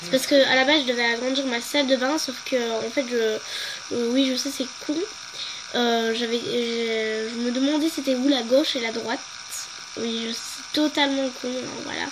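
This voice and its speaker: Showing off her game in an easygoing walkthrough, a young woman with a head cold talks haltingly and fills in with lots of fillers. As a gaming video host, she keeps a steady tone at a moderate pace with a voice on the high side, against background noise.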